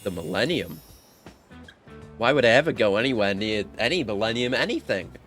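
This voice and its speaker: A man's voice: on the low side, expressive, normal speed, fairly bright tone. A man giving casual playthrough commentary, reading game dialogue aloud and adding joking, sarcastic asides. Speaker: video game streamer. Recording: game music behind the voice.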